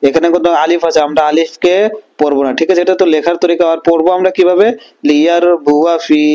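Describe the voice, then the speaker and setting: A man with a Bangladeshi Bengali accent teaching a Quran reading lesson, often checking in with his students and slowly sounding out syllables. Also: a little high, warm tone, highs cut off.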